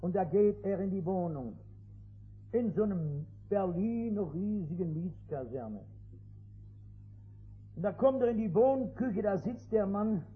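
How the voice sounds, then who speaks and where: An older male pastor preaches to a seated congregation, telling his stories with emphasis and swelling into loud, urgent appeals. His voice sits high for a man and has a husky edge. The recording is dull and lo-fi. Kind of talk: evangelistic sermon. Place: before a seated congregation in a meeting hall.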